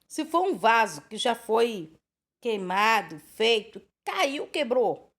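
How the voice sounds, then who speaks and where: Animated chatty woman preacher. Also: fairly high pitch, takes it slowly. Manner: animated, chatty, rambling with diminutives and rhetorical questions. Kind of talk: informal Bible teaching.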